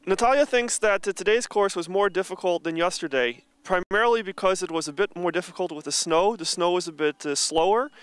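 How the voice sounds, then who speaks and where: A man's voice: high voice, fairly quick, hardly any pauses, clear, resonant tone. A man interpreting a Russian interview as voice-over, summarising with fillers.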